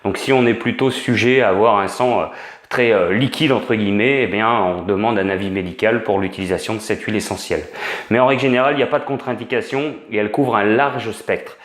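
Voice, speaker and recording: A man's voice: lowish voice, brisk, reverberant. A man giving an informal spoken lesson as an instructor, hesitant, with many fillers and restarts. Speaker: essential oils instructor.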